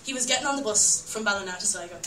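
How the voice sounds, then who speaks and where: A woman's voice: mid-range voice, racing, bright, forceful tone, slight background noise. A young Irish woman telling a rambling story live, laughing often and breaking off into asides. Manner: rambling, laughing, self-interrupting with "like". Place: live storytelling night venue. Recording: echoey room, mic at a distance, audience heard. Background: audience.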